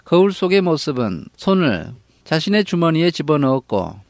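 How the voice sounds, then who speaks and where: A man from Korea teaching an English novel, reading each line slowly and then translating it. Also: a little high, big pitch swings, a little mellow, no room sound, studio quality. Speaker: English book lecturer.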